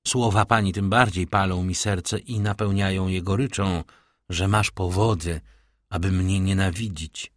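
A man reading the measured, solemn speech of a dignified nobleman in an audiobook. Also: low-pitched, steady tone, dry recording, studio quality. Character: dignified, consoling nobleman count.

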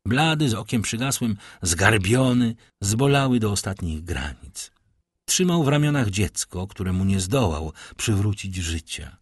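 A man narrating a classic novel in a measured, grave manner. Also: fairly low pitch, expressive, husky, dry recording, studio quality. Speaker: audiobook narrator. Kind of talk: dramatic literary narration.

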